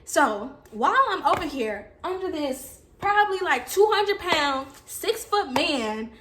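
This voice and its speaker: A young woman telling a dramatic personal story to her viewers, acting out the quotes with loud outbursts. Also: high-pitched, very animated, measured pace, a little hiss or hum. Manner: dramatic, acts out quotes loudly. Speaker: storytime vlogger. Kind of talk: animated storytelling.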